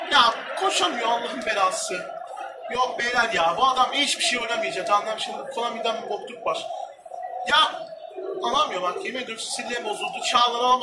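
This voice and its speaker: A young man commentating his football video game, shouting and swearing in frustration at his players. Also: very high-pitched, far from the mic, heavy background noise. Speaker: gamer. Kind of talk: excited gameplay commentary.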